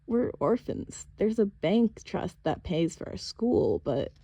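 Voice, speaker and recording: A woman reading an audiobook, voicing an anxious, defiant girl of about twelve who talks high and insistently. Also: lively intonation, unhurried, dark tone, husky, dry recording. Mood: guarded.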